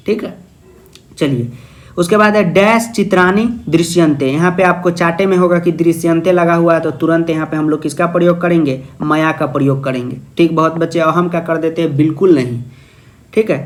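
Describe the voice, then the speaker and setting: High-voiced playful Sanskrit tutor. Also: male voice, steady tone, moderate pace. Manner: playful, jokey, asks questions then answers in a student's voice. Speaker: Sanskrit teacher. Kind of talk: exam-prep video lesson.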